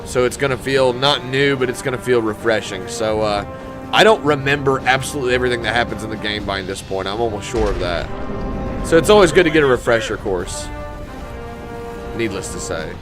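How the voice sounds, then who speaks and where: A man's voice: medium pitch, brisk. A man giving casual, geeky, enthusiastic commentary while playing through a video game. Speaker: gamer commentator. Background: loud game music and vehicle sounds.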